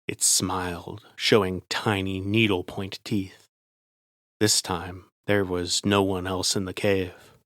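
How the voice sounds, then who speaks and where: A man's voice: deep voice, flat delivery, slow pace, a bit bright, no echo, clean studio sound. A man narrating a first-person horror story in a tense, scripted way.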